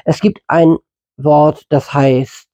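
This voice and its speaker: A man's voice: fairly high pitch, steady tone, takes it slowly, warm tone. A man giving informal Bible teaching in a conversational way, with fillers and mid-sentence self-corrections. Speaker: preacher.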